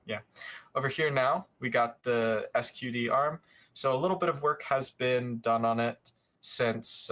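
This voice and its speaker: A young man hosting a live show, giving casual commentary over footage, rambling with many fillers and quick self-corrections. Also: mid-range voice, pushed and bright.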